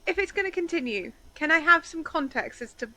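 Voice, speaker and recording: A woman co-host with a high, bright voice that swings around a lot. She chimes in with quick, teasing remarks and laughs easily. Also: animated, poor audio. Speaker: podcast co-host. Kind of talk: casual chat.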